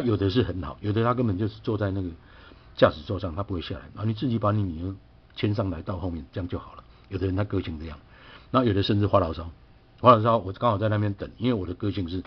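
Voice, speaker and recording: A man's voice: low voice, husky, lo-fi sound. A middle-aged man telling a personal story in a chatty, aggrieved way, often asking his listener to agree. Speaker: vlogger.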